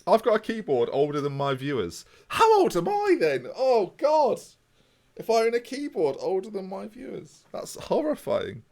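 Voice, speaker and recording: A man's voice: high-pitched, huge pitch swings, normal speed, gravelly, darkish tone. A man, chatting casually with viewers on a live stream. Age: 20s. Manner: chatty, jokey, answers chat.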